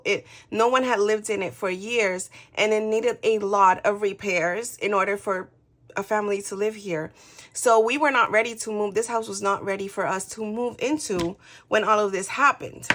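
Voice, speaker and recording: A woman vlogger telling an animated story in a casual way, pausing to count numbers aloud. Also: mid-range voice. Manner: animated, gets worked up retelling events; counts aloud softly between story parts. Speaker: budgeting vlogger. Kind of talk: casual storytelling while doing a cash-savings challenge.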